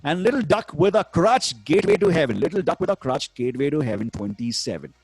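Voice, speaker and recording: Indian guy doing bingo caller patter, kinda high voice, repeats the rhymes sing-song, really dry sound. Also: lively intonation, quick pace, darkish tone, breathy edge, no echo. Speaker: bingo caller hosting an online game.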